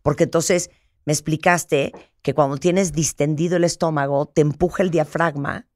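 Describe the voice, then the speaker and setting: A woman with a Mexican accent hosting a radio talk show, telling stories in a lively, colloquial way. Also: deep voice, moderate pace, no room sound. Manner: lively, colloquial, chatty storytelling. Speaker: radio host. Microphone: studio microphone.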